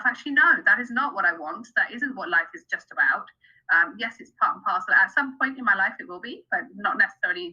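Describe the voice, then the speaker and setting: Lady on a podcast, super bright sharp voice, kinda muffled audio, lots of ums. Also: mid-range voice. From Pakistan, raised in the UK. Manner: hesitant, many fillers and restarts. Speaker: podcast guest, careers counselor. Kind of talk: casual interview storytelling.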